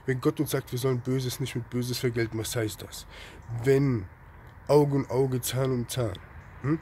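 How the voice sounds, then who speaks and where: A man's voice: steady tone, unhurried, slight background noise. Fervent man preaching with rhetorical questions. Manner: rhetorical questions with constant tag "ja?"; swings between loud outbursts and low murmurs. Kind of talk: impassioned religious rant.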